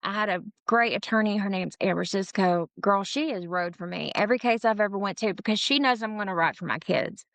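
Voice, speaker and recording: A woman's voice: mid-range voice, brisk, few pauses, fairly bright tone, no echo. A woman in her forties, an interview guest, telling her own story in a frank, casual way, laughing often and swearing freely. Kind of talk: candid personal storytelling.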